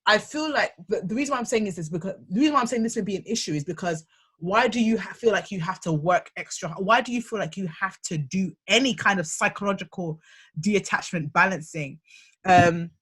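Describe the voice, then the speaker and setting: A young woman co-hosting a candid discussion podcast, talking in halting bursts with many restarts as she searches for words. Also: medium pitch, fairly bright tone, slightly rough. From United Kingdom. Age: young adult. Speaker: podcast co-host.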